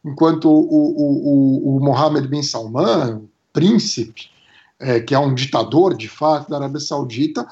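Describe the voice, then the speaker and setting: A man giving conversational analysis as a commentator, speaking in an animated, emphatic way. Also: medium pitch, unhurried, lo-fi sound, soft background music.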